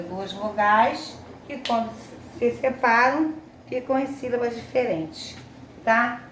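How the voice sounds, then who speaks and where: A woman teaching young children a Portuguese lesson with a Brazilian accent, speaking slowly and affectionately, often checking in with little tags. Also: a little high, reverberant, a little hiss or hum. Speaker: primary school teacher.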